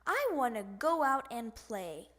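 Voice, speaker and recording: Brief: woman voicing a squeaky, bouncy kid frog, hollers and whines, drawn-out delivery, picture book. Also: big pitch swings, heavily acted. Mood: whiny. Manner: loud, whiny hollering. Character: excitable young boy frog. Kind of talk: picture book read-aloud.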